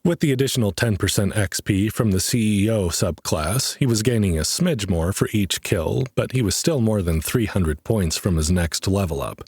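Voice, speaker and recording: A man narrating a fantasy audiobook in a steady, even storytelling manner. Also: on the low side, moderate pace, hardly any pauses, husky, dry recording, clean studio sound. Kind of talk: scripted narration.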